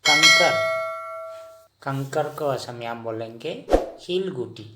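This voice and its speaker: A man teaching vocabulary in a slow lesson, asking the listener each word and then repeating the answer. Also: medium pitch, creaky, very noisy. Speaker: language teacher.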